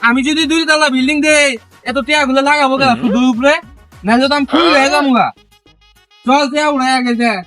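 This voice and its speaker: A man's voice: extremely high pitch, fairly even intonation, fairly bright tone, soft background music. A man with a rural Bangladeshi Bengali dialect, playing a greedy, blustering village moneylender in a comedy skit. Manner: greedy, blustering, fast-talking.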